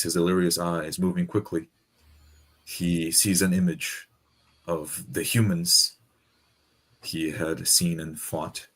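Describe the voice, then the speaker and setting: Male tabletop player, deep and husky, storytelling his character's moves.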